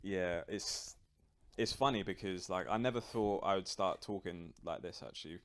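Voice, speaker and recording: A man's voice: sits low, moderate pace. A man with a London accent, talking casually in a slangy, conversational way. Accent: London British. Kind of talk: casual chat.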